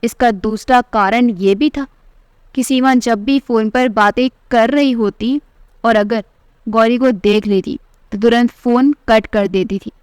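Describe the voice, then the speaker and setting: A woman narrating a scripted family story in an even, measured way. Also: fairly high pitch, clear, resonant tone, dry recording.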